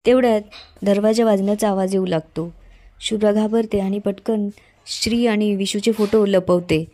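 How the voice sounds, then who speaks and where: A woman narrator recapping a TV serial episode. She keeps a steady, level delivery with little rise and fall, and her tone is mellow. The sound is dry and close to the mic. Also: medium pitch, normal speed, no echo. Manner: steady, even storytelling.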